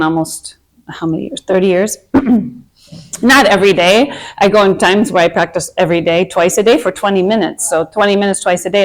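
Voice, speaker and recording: A woman in her fifties from Minnesota with a Minnesota accent, hosting a casual group talk about anxiety and speaking earnestly in long rambling runs full of restarts. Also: on the low side. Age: 50s. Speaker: anxiety workshop host.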